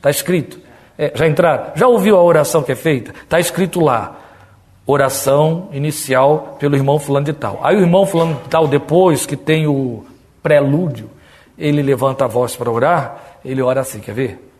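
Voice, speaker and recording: A man's voice: fairly high pitch, fairly quick, a little mellow. A Brazilian man preaching a Bible study in a conversational way, sometimes mimicking stiff, pompous prayer voices. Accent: Brazilian Portuguese. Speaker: pastor.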